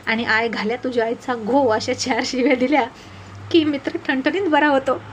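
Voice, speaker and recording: A woman's voice: sits high, steady tone, moderate pace, a little hiss or hum, natural voice. A woman voicing a cheerful older village man in a storybook tale, with a jolly, teasing, folksy way of talking.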